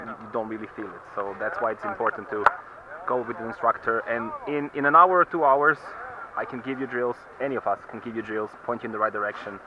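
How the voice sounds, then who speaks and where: A man working as a ski instructor, explaining technique outdoors. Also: mid-range voice. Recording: muffled outdoor recording with background noise.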